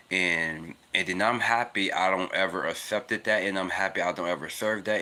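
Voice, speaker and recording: In a casual spiritual monologue recorded while walking outside in cold weather, a vlogger in his twenties talks earnestly about faith, rambling and repeating "it's because." He has a naturally deep voice with a sharp tone.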